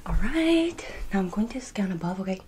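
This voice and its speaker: A young adult woman in an ASMR role-play as a massage therapist, giving fast, repetitive ASMR patter and short instructions. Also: medium pitch, big pitch swings, very noisy. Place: bedroom, indoors.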